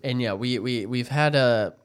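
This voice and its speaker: A man's voice: mid-range voice, unhurried, clear, resonant tone. Male podcast co-host, mid-range voice, easygoing and chuckly, casual banter. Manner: laid-back, laughs easily, short replies. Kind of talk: casual chat.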